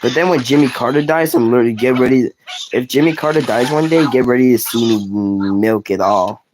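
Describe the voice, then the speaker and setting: A man's voice: mid-range voice, a little fast. Rambling man over a noisy recording. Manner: rambling, restarts sentences, laughs at own jokes. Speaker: gaming commentator. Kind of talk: casual commentary while playing.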